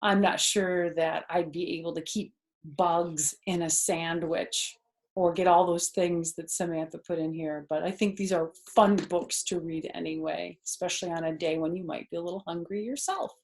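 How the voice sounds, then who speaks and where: This grandmother in her fifties reads aloud at a moderate pace, her voice on the low side, to children indoors in a living room. Expressive in delivery, she explains words in plain language and puts questions to her listeners.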